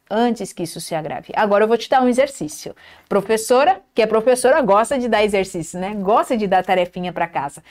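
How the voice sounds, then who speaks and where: A woman from Brazil giving a motivational lesson to teachers, acting out example phrases with big swings in her voice. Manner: warm coaching, acts out example phrases with lively swings in pitch. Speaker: teacher coach.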